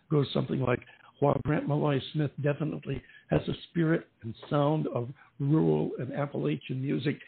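A man hosting a music show, interviewing conversationally in a gravelly, husky voice. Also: on the high side. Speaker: radio music show host. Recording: narrow, phone-like sound.

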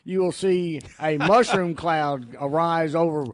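A man co-hosting a talk show keeps adding short, wry remarks. His voice is a bit high for a man. The recording is dry and close. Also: unhurried, no echo. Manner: wry interjections and dry quips. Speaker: radio co-host. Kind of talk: casual radio talk.

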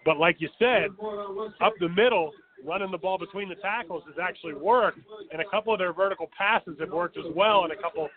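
A man's voice: high-pitched, fairly quick, narrow, tinny audio. A man giving analytical game commentary as a color commentator, breaking down tactics. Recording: thin radio-like broadcast sound.

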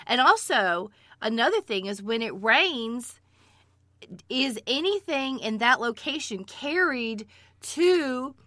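A middle-aged woman with a gravelly voice, hoarse from a cold, co-hosting a casual talk in an animated, interjecting way. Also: on the high side, takes it slowly, no room sound, studio quality. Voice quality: gravelly voice from a passing illness. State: hoarse with a cold, clearing throat. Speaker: co-host of a survival medicine show.

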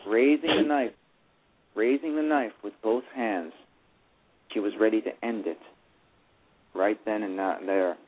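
Narrating a live radio play, a man with a lowish voice reads a little slowly and pauses often, stumbling and restarting his words again and again. The radio broadcast sounds tinny, as if over a phone line, with slight background noise.

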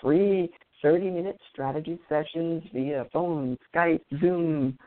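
A woman's voice: low-pitched, slow. A woman hosting an online show, wrapping up an interview in an upbeat, chatty way and laughing easily. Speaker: podcast host. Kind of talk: casual interview wrap-up. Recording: tinny phone-like audio.

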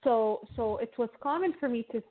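A financial therapist from Lebanon, appearing as a guest, talks through her views in a relaxed interview at a moderate pace. Her voice is fairly high, her manner thoughtful, and she often starts her sentences over; the sound comes through a tinny, phone-like line.

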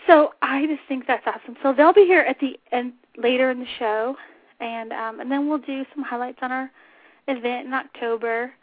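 A woman with a high, scratchy voice hosts an unscripted talk show, chatting casually and informally at a moderate pace. There is no room sound, but the internet radio audio is tinny, like a phone line.

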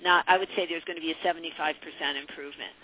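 A woman hosts a psychic advice call-in radio show, talking in a conversational, reflective way and repeating phrases, with a narrow, phone-like sound. Her low, steady voice has a breathy edge and comes out very fast.

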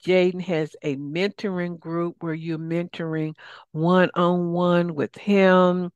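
A woman's voice: fairly low pitch, little pitch movement, slow, darkish tone, clean tone, no echo, dull audio. A woman speaking casually as the solo host of a coaching show, rambling conversationally with asides. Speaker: podcast host and life coach.

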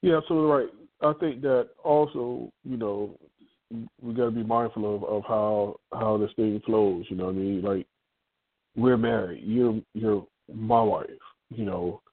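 A man co-hosting a casual faith-based talk show, candid and joking, telling animated stories. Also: on the low side, normal speed, no room sound, phone-quality sound. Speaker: podcast co-host.

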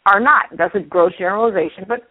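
Female interview host, conversational, mid-pitched, on a narrow telephone-like radio feed. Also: fast talker, no echo. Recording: thin, phone-like radio sound.

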